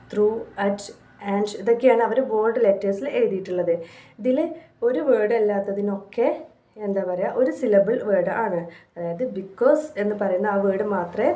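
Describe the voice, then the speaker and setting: A woman with a Malayali accent teaches a university course in a relaxed, conversational way. Her voice is mellow and soft, and she often stops to search for the next word. The recording has a noticeable echo from the room. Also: mid-range voice. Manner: conversational, with frequent fillers and pauses to find words. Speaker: tutor. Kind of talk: explaining a university course lesson.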